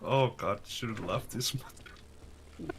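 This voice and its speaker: A man's voice: mid-range voice, takes it slowly, a bit bright, slight background noise. A man of thirty chatting during a co-op game, wry and self-mocking. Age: 30s. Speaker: co-op player. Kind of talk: casual gaming chat.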